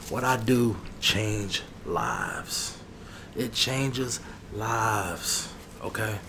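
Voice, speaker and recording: An ASMR creator does a role-play as a barber with a low, grumbling voice, chatting casually to the listener. He sounds grudging and hustling, repeating phrases and drifting into drawn-out asides. Background noise is clearly audible.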